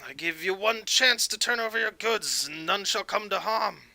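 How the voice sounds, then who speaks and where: A man voicing a menacing dragonborn pirate captain with a deep, raspy voice, in a tabletop game. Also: big pitch swings, slow pace, pushed and bright, heavily acted. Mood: threatening.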